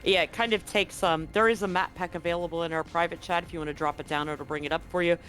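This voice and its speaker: Narrating a tabletop roleplaying game, the game master talks fast in a steady, fairly bright, mid-range voice, describing scenes and asking players what they'll do. Music plays beneath the conversational narration, and the recording quality is low.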